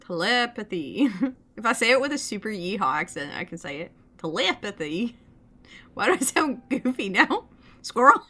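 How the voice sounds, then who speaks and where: A woman's voice: medium pitch, very animated, brisk, pushed and bright. A woman with a Southern US accent, reading game dialogue aloud and chatting playfully, giggling and swearing as she trips over words. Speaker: game streamer. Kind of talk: casual gameplay commentary and reading dialogue aloud.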